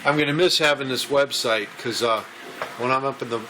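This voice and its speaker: Talking a little fast in a medium-pitched voice, a man casually rambles through an improvised show-and-tell about his amateur radio hobby. Behind him, a shortwave radio broadcast plays in a noisy room.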